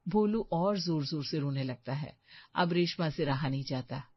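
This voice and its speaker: A woman's voice: low voice, lively intonation, moderate pace, slightly rough, dry recording, highs cut off. A woman giving scripted storytelling narration for a cartoon story.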